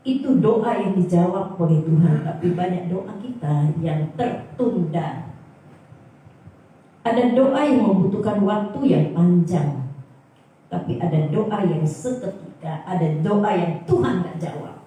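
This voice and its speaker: A woman's voice: fairly low pitch, unhurried, a little hiss or hum. A woman preacher with an Indonesian accent giving a sermon and telling a testimony, acting out the people in her story. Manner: animated storytelling, acting out quoted dialogue. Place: large church hall. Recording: echoey church hall, far from mic.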